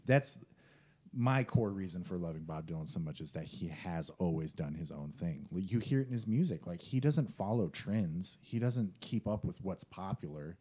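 A man's voice: low voice, lively intonation, normal speed, warm tone, husky. A man talking casually and enthusiastically about music, rambling with frequent restarts.

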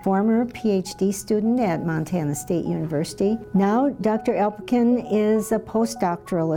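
A woman hosting a podcast, giving a measured, scripted introduction of her guest outdoors by a campfire. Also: mid-range voice, mellow. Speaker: podcast host, university faculty.

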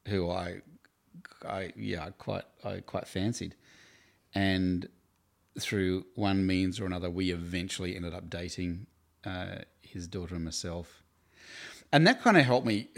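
Very deep, gravelly Australian man telling stories. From Tasmania, Australia. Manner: chatty, self-deprecating, laughs through his stories. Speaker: campus ministry worker, guest. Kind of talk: casual interview storytelling.

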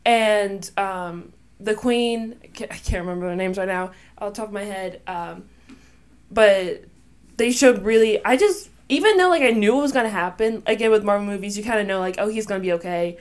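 A woman co-hosting a relaxed podcast chat, with a medium-pitched voice. She trips over names, apologizes and laughs as she goes. Her talk is loose and conversational, recorded on a home podcast mic. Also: moderate pace. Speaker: podcast co-host. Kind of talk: casual chat.

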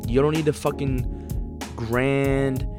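A man's voice: medium pitch, steady tone, takes it slowly, over music. A young man giving a blunt, profane motivational pep talk, pushy and repetitive. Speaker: motivational speaker.

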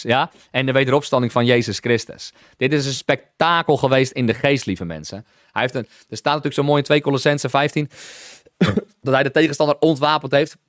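A man's voice: mid-range voice, dry recording, studio quality. A man preaching an exuberant teaching sermon, often calling out halleluja and slipping in English phrases.

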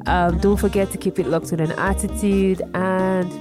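A woman's voice: mid-range voice, fairly even intonation, moderate pace. Nigerian woman hosting, music behind. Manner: friendly, with light laughter and short affirmations. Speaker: podcast host. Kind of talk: casual interview chat.

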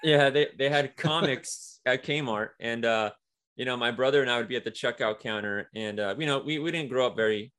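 A man's voice: medium pitch, moderate pace, a bit bright, clear, resonant tone. A man guesting on an interview, talking about his work as a comic writer in a casual, rambling way with many fillers. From Mexico–US border region.

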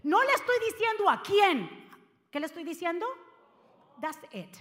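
A woman pastor preaches with fervor, rising to loud calls and then dropping to hushed asides. Her voice sits high, and a long reverb trails after her words in the church. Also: very animated, unhurried. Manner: impassioned preaching, swinging between loud exhortation and quiet asides. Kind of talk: sermon. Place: church sanctuary.

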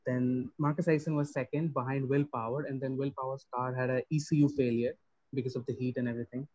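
A man's voice: little pitch movement, quick pace, darkish tone, no echo. A man giving an explanatory, casual recap of motorsport news as a podcast panelist. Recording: dry, muffled low-fi audio.

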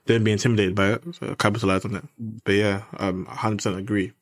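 A man's voice: on the low side, level tone, fast talker, dry recording, studio quality. A young man co-hosting a casual chat, agreeably backing up what others say.

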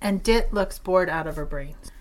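A woman co-hosting a podcast, chatting casually about a film in an animated, exasperated way and laughing often. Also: on the low side, normal speed. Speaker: podcast co-host. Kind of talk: casual chat reviewing a film.

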